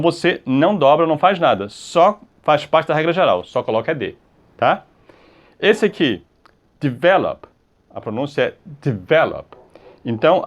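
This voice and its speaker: Brazilian teacher with a lively, rising voice. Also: male voice, on the high side, dull audio. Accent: Brazilian Portuguese. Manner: drawn-out model words, repeated checks like "tá?" and "ok?". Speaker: English teacher. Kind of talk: explaining grammar rules on a video lesson.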